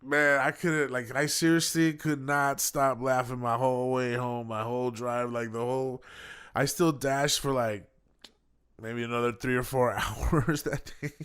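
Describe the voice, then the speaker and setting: A man's voice: mid-range voice, fairly even intonation, a little slow, fairly bright tone, clean tone. A man, a food delivery driver, telling a story in a casual vlog, chatty and laughing often. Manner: chatty, laughs often, tags lines with "right?".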